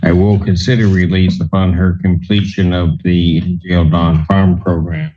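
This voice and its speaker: A man presiding as judge, heard on a courtroom recording, speaking in a stern, slow and deliberate way. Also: low-pitched, level tone, dark tone, dull audio. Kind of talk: courtroom proceedings.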